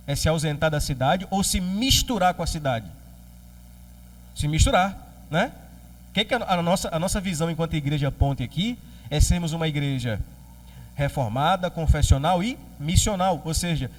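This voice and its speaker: A man with a Brazilian Portuguese accent preaching a sermon as pastor, lively and joking, acting out quoted voices. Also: a little high, far from the mic.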